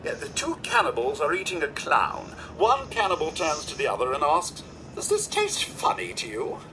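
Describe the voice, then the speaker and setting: A man's voice: fairly high pitch, wildly swooping pitch, moderate pace, noisy background. An actor voicing a polite, eager male robot butler, speaking in formal, courteous servant's phrasing in game dialogue.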